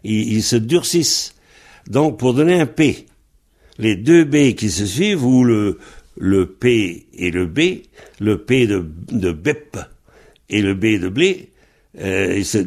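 A man's voice: mid-range voice, lively intonation, slow pace, a little mellow. A man teaching Breton pronunciation, patiently spelling words out letter by letter. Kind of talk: slow spelled-out language lesson.

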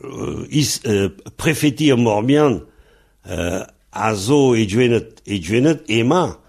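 A man leads a grammar lesson at an unhurried, deliberate pace, his voice gravelly and husky. He talks in halting steps full of fillers and stops to spell words out letter by letter. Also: medium pitch, animated, a little mellow. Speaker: Breton language teacher. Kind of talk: slow explanatory grammar lesson.

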